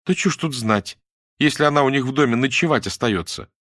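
A man's voice: mid-range voice, a little fast, fairly bright tone, dry recording, studio quality, pitched above the performer's own voice, lightly acted. Male reader doing a blunt, worldly young woman, lightly raised voice. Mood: knowing. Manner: blunt, matter-of-fact. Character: practical, knowing young woman.

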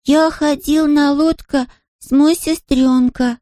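A woman voicing a proud little boy who speaks slowly in broken, childish sentences in a storybook reading. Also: high voice, steady tone, vocal fry, darkish tone, voice pushed up, full character voice. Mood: proud, cheerful. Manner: slow, sing-song, mangled grammar.

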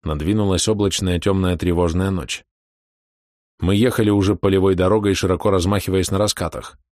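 A man narrating an audiobook in a measured, even storytelling manner. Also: deep voice, dry recording, clean studio sound. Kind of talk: scripted narration.

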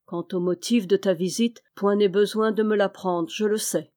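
A woman reading the lines of a calm, secretive male charcoal burner in a storybook, measured and even. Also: medium pitch, close to an everyday voice.

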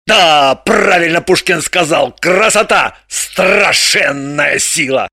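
A reader voicing a boisterous, boastful man who exclaims and shouts hearty remarks in an audiobook. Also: medium pitch, slow pace, gravelly, no room sound, studio quality, exaggerated voice. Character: boisterous loud man, boastful card-playing host. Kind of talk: audiobook character voice.

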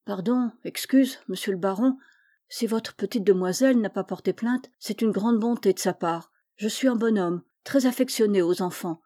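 A woman's voice: medium pitch, moderate pace, warm tone, no room sound, studio quality, natural voice. A woman reading aloud, voicing a humble, apologetic older vagrant man who talks earnestly and deferentially. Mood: humble pleading.

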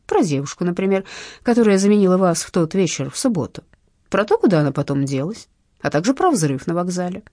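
A woman's voice: lowish voice, very animated, fast, warm tone, dry recording, studio quality. A woman voicing an elderly, courteous male blackmailer who speaks in a ceremonious, politely menacing way, in an audiobook. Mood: smoothly menacing. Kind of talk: audiobook narration.

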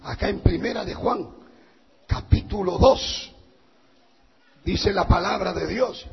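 Raspy, shouting high-voiced preacher. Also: male voice, takes it slowly. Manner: alternates shouting and hushed, intense preaching. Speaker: pastor. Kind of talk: fiery sermon. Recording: dull reverberant hall recording.

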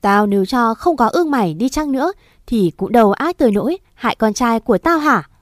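A woman doing a spiteful stepmother's fast, loud tirade. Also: fairly high pitch, animated, no echo, studio quality, close to an everyday voice. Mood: spiteful accusing. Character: spiteful scheming stepmother, middle-aged woman.

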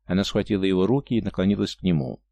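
Guy reading a novel aloud, calm and steady, lowish voice. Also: racing, creaky, no room sound. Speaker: audiobook narrator. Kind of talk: scripted narration of a novel.

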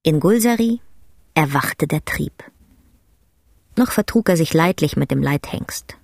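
A woman narrating a radio drama in a measured, dramatic storytelling manner. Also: low-pitched, gravelly, husky, dry recording, clean studio sound. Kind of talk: scripted literary narration.

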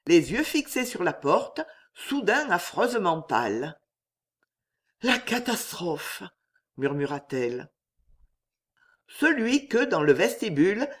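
An audiobook narrator giving a dramatic, expressive reading of a historical novel. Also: medium pitch, breathy edge.

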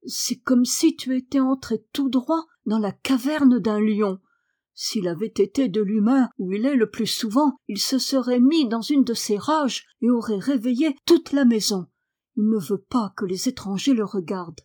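A woman's voice: on the high side, unhurried, warm tone. A woman voicing a fretful young housemaid, worried and pleading. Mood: incredulous.

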